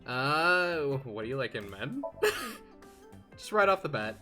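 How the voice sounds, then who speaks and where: A woman with a low, bright voice hosts a game stream in casual, joking chat. Her pitch moves around a lot, and music plays behind her. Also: sing-song, slow pace. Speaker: streamer hosting a group game dub.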